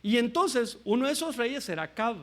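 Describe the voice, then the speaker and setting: A male pastor with a high voice and a bright, forceful edge, preaching a sermon. He tells the story in an animated way and speaks the characters' lines himself. He calls out to his listeners as "brother". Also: fairly quick. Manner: animated storytelling, acts out the kings' and prophet's lines; addresses listeners as "hermano".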